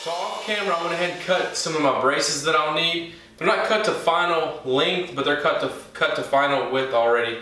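A man, a woodworking channel host, giving relaxed, plain-spoken how-to narration with small self-corrections. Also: on the high side, brisk. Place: home garage workshop. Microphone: camera mic from across the room. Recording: very echoey garage, distant mic, faint hiss.

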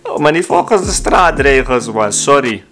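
A man's voice: mid-range voice, moderate pace, faint music behind. A young man from the Netherlands, a vlogger, telling funny stories casually and acting out quotes in exaggerated voices. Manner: animated, acts out quotes in funny voices, laughs often. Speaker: YouTube vlogger. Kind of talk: casual comedic storytelling.

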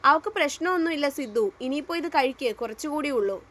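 A woman's voice: sits high, lively intonation, a little fast, fairly bright tone. A woman voicing a young former fiancée in an audio story, pleading and coaxing.

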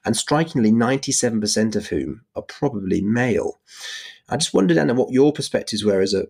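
A man's voice: lowish voice, vocal fry, slightly rough. A man interviewing on a podcast, wordy and tentative, often rephrasing as he goes. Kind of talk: interview questioning.

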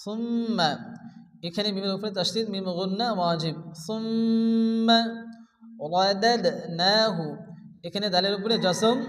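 A man teaching Quran recitation, chanting verses slowly and melodically, then explaining pronunciation rules in quick spoken asides. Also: high voice, a bit bright, long reverb tail, rough recording. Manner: slow sung recitation alternating with quick explanations.

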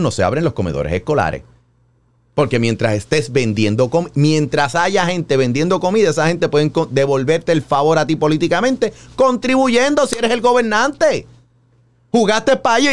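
A Puerto Rican man hosting a radio call-in show, giving animated, joking, colloquial opinions. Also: sits high.

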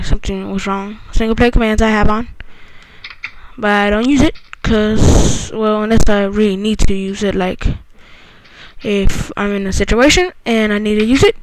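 A woman's voice: mid-range voice, dry recording. A woman giving casual, rambling gameplay commentary, chatting to herself and to things in the game as she plays. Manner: talks to the game world as if to a person. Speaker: gamer commentator.

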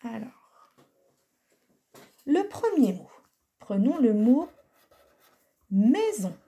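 A woman teacher talks to young children in a slightly high voice that rises and falls a lot. She takes her time and sounds out each letter clearly and patiently. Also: sing-song, drawn-out words, warm tone. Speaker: primary school teacher. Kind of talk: recorded lesson for young children.

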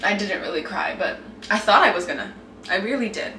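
A woman's voice: medium pitch, animated, a little fast, pushed and bright. A young woman talking casually to her camera while making breakfast at home, full of "like" fillers. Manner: chatty, lots of "like" fillers. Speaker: vlogger. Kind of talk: casual vlog chat. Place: home kitchen. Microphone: handheld camera mic. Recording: echoey room with faint noise.

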